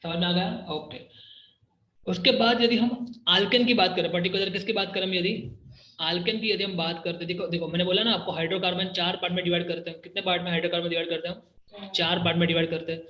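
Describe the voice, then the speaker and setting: High-voiced teacher in an echoey classroom. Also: male voice, fairly even intonation, fast talker, sharp tone. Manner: drills students with repeated questions, mixing Hindi and English. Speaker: chemistry teacher. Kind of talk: classroom lecture. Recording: echoey room, dull lo-fi sound.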